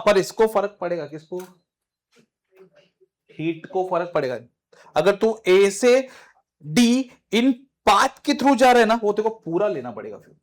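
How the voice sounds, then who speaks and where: Brisk high-voiced male physics teacher. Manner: brisk, quizzing students, informal address. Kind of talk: classroom lecture.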